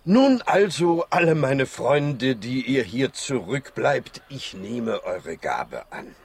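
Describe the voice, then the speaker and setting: An actor playing a kind, principled animal doctor, theatrical and earnest, in a children's radio play. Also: male voice, medium pitch, huge pitch swings, slow pace, full character voice. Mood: solemn farewell.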